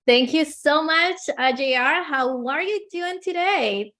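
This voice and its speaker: A Colombian woman whose first language is Spanish speaks with a Colombian Spanish accent as an interview guest. She tells her story energetically and earnestly, with frequent fillers, in a high-pitched, unhurried voice.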